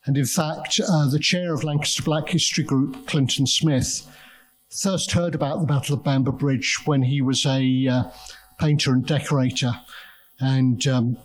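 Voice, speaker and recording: A man's voice: medium pitch, steady tone, a little slow, low-quality recording. A man giving an academic conference talk, telling a story with restarts and quoting other people. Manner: storytelling, with quoted voices and restarts. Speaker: conference speaker.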